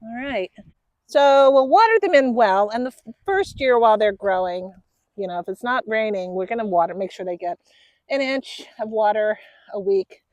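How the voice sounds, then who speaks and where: A woman hosting a gardening video outdoors, explaining her planting in a relaxed, chatty way. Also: fairly high pitch, normal speed, no room sound. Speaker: gardening channel host. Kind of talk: casual how-to gardening talk. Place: outdoors in a garden bed in a grassy field.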